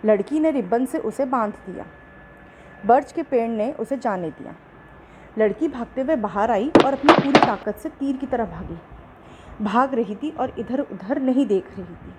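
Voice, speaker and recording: Female storyteller, slightly high pitch, expressive bedtime-story read, faint hiss under the voice. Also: unhurried, poor audio.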